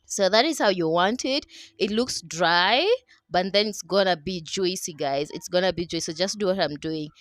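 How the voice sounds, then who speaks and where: A young Kenyan woman whose first language is Dholuo narrates her own cooking vlog footage on a voice-over mic, chatting, laughing, and repeatedly checking in with "okay?" in a Kenyan accent. Her lowish voice is a bit bright at a moderate pace, captured in a dry, clean studio recording.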